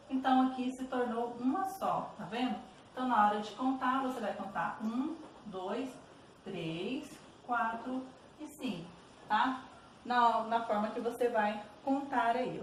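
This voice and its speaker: A Brazilian woman teacher explains exercises to her students patiently, checking in often with little questions. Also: fairly high pitch. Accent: Brazilian Portuguese. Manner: patient, repeats "tá bom?" checks. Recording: roomy echo, distant mic, faint noise.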